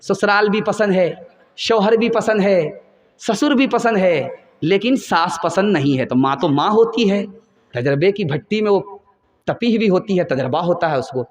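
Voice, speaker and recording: A man's voice: high-pitched, unhurried. A male preacher giving a sermon full of dramatic stories. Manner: dramatic storytelling with acted quotes. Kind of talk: storytelling sermon. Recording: echoey room.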